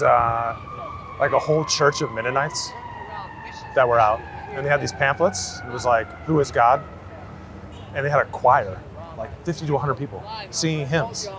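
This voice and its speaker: A street photographer gives a casual interview outdoors on a busy city street, with light traffic and city noise around him. His medium-pitched male voice is creaky, and he tells loose, slangy anecdotes, hedging often with "like" and "you know."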